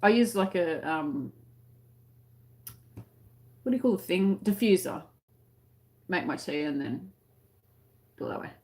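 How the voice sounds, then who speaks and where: A woman's voice: fairly low pitch, lively intonation, measured pace, long pauses, a little mellow. A woman with an Australian accent chatting casually to live-stream viewers in a rambling, conversational way, often trailing off mid-thought. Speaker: crochet tutorial live-stream host.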